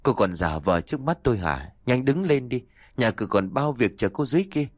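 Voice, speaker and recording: A man's voice: medium pitch, very animated, a little fast, no echo, clean studio sound. A man voicing a cruel, domineering older mother-in-law in an audio story, with a harsh, scolding delivery.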